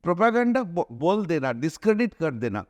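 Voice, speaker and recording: A man's voice: on the high side, sing-song, no echo. Earnest argumentative man, dry close sound. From India. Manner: earnest, argumentative, with frequent restarts and drawn-out hesitations. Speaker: film director, interview guest. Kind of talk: conversational interview, mixing Hindi and English.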